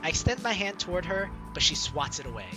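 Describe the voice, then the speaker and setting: A high-voiced man talks fast while hosting a let's play, theatrically reading the game's text aloud and commenting on it. His manner is animated and showy, and game music plays behind him.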